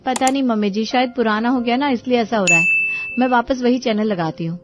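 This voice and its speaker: A woman voicing a sensible young daughter-in-law in an animated storybook, polite and reassuring. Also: fairly high pitch, fairly quick, lightly acted. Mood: calm. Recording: dull lo-fi audio with music.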